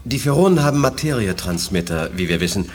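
In a 1980s German radio play, a male actor voices a calm, reflective telepath officer who comes across as sincere and respectful. His voice sits fairly low, swings widely in pitch, and moves at a brisk clip.

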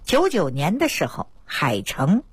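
A woman traditional Chinese medicine doctor, giving a lively radio health talk and acting out her patients' words. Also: low voice, unhurried, husky, dry recording. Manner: lively storytelling, acts out patients' quoted words. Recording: dry radio studio.

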